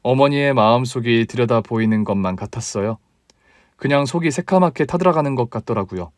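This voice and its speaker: A man narrating his own story in a calm, weary, confessional tone. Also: medium pitch, fairly quick, dry recording.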